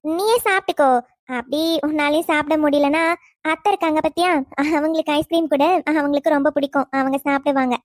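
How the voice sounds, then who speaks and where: A calm cartoon mother, voiced by a woman, who reasons and gently scolds in a high, light voice. The sound is dry and close. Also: quick pace, no room sound, close to an everyday voice. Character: middle-aged mother, calm and protective.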